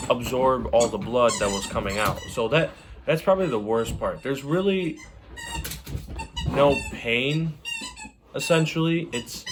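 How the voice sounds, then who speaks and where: A man talking casually and unscripted to camera, giving advice from his own experience in a rambling, conversational way. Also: medium pitch. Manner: rambling, conversational, repeats "you know". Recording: clearly noisy background with clicks.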